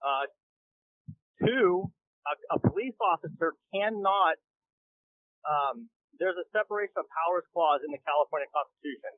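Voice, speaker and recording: Caller role: man on a speakerphone line from his car, thin dry phone sound, slightly high voice, earnest explainer. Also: expressive, normal speed, long pauses, no room sound, narrow, tinny audio. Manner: earnest, explanatory, checks in with "okay?" and "all right?". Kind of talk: call-in radio caller. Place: in a car while driving.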